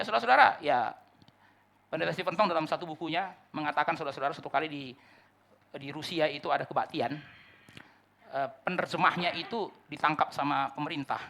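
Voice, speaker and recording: Male pastor, sermon voice, gravelly and bright, very animated, loud-to-hushed swings. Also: a little high. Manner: addresses the congregation with rhetorical questions. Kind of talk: church sermon. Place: church service.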